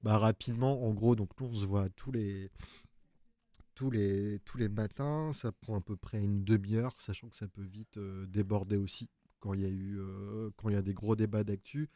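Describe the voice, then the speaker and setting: A man's voice: lowish voice, steady tone, moderate pace, dark tone, no echo. A man who works as a journalist on an ecology desk, explaining at length and thinking aloud in a casual live chat from an open newsroom.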